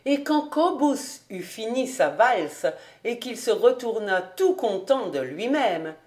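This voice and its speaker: A woman reading a classic novel aloud as a volunteer audiobook narrator, in a calm, even storytelling manner. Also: fairly high pitch, takes it slowly. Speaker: audiobook reader.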